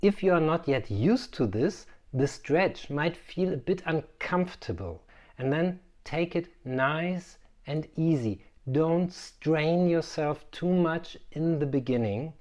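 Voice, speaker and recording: An articulation coach teaches to camera in a careful, precise way. The pace is unhurried and the pitch moves expressively, with playful asides along the way. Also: expressive, a little mellow. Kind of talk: instructional video presentation.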